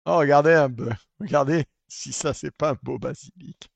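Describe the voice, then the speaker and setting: A man hosting comedic reaction commentary, mocking and excitable, swearing freely. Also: fairly high pitch, moderate pace, vocal fry, no room sound. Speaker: host reacting to a video.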